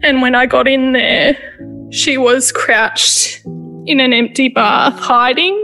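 A woman, retelling a painful personal experience in a halting, emotional way, with frequent restarts. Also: high-pitched, fairly even intonation, vocal fry, sharp tone, faint music behind. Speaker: interviewee. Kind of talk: personal testimony.

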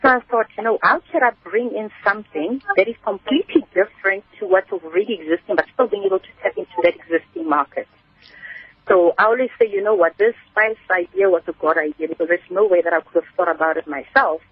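On a narrow phone line, a Kimberley-born South African woman who runs a spice business speaks fast in a mid-range, slightly rough voice with no echo. She's the guest in a conversational radio interview, explaining things at length and in storytelling fashion.

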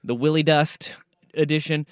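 A male sports radio host with a fairly high voice talks casually. He leans on repeated phrases for emphasis. The studio sound is close and dry. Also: fairly even intonation, moderate pace, no echo.

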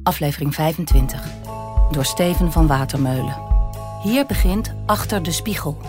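Woman, show intro announcer, low voice, music playing behind. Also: expressive, moderate pace.

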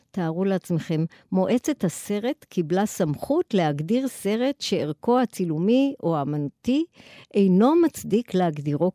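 A woman with an Israeli accent delivers a scripted academic lecture in a formal, articulate manner, in long measured sentences. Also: fairly low pitch, dark tone, dry recording, clean studio sound.

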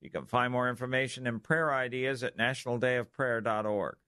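Male radio news anchor reading headlines, medium pitch, really dry sound. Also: fairly even intonation, a little fast, pushed and bright, smooth, no room sound.

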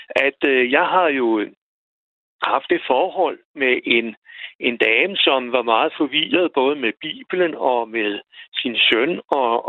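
A man calling in to a radio show, telling a personal story in a halting way, repeating words as he goes. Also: a little high, dry recording. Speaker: radio caller. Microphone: telephone. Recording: tinny phone line, dry.

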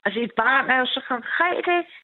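A woman's voice: high voice, lively intonation. Woman, caller, tinny phone line, rambling, eager, many restarts. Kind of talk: emotional personal story on night radio.

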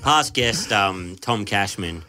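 A man's voice: fairly low pitch, expressive, slow, sharp tone. A man with a broad Australian accent chatting casually and comically in a blokey, rambling way. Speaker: comedy podcast host.

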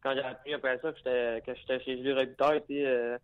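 A man's voice: medium pitch, little pitch movement, fast, smooth, phone-quality sound. Young man with a Lac-Saint-Jean accent. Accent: Lac-Saint-Jean Quebec French. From Quebec, Lac-Saint-Jean region. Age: young adult. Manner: hesitant, many fillers and restarts. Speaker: hockey player guest. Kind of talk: casual interview answers.

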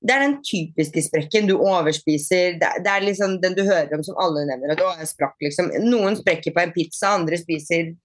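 A woman being interviewed on a podcast, chatting casually, with many fillers and restarts and lively retold dialogue. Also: on the low side, few pauses, no room sound, clean studio sound. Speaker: podcast guest, bodyfitness athlete.

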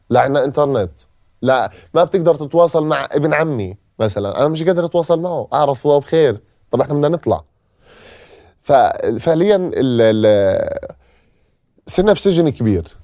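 A man's voice: fairly high pitch, expressive, fast, mellow, dry recording, studio quality. A man from Gaza with a Palestinian accent gives an emotional personal testimony as a podcast guest and repeats phrases for emphasis. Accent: Palestinian Arabic.

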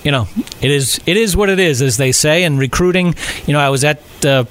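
A middle-aged man from Rhode Island, co-hosting a casual sports podcast chat, talking haltingly with many fillers and restarts. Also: a little high, a bit bright. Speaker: podcast co-host.

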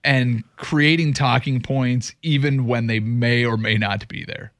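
A man's voice: medium pitch, fairly even intonation, measured pace, a bit bright, no echo. A man hosting casual sports talk in an emphatic, opinionated way on a close studio mic. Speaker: sports radio host. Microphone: close studio microphone.

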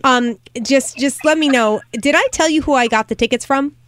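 A woman's voice: sits high, normal speed, fairly bright tone. A woman co-hosting a radio show, chatting in a teasing, upbeat way from a radio studio. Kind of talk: casual on-air banter.

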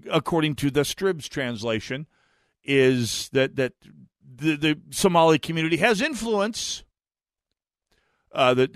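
This fairly high-pitched male voice belongs to a middle-aged American talk radio host. He meanders through a chatty monologue, restarting frequently and repeating words each time. It's a dry, clean studio recording.

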